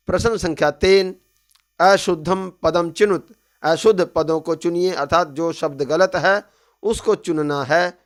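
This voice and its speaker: A male teacher going through a textbook lesson phrase by phrase. His voice sits high and he takes his time, reading a line and then explaining it plainly. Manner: calls out drill words loudly one by one.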